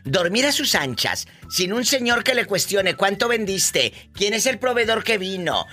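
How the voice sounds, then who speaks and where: A man hosts a live radio show from the studio. He talks in a sassy, theatrical way, and his voice swoops all over in pitch. The tone is bright and sharp. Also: very animated, moderate pace, faint music behind. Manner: playful, theatrical, sassy advice. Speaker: radio host.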